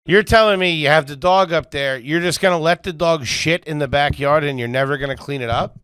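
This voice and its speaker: A man's voice: a little high, brisk, a bit bright, smooth, no room sound. A man co-hosting a comedy podcast, arguing his point insistently in casual banter. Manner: argumentative and insistent. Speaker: podcast co-host.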